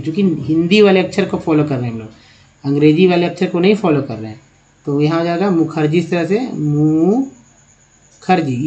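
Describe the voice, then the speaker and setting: A man's voice: fairly high pitch, darkish tone. A man teaching English spelling and pronunciation in a spoken lesson, explaining step by step and putting questions to the viewer. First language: Hindi.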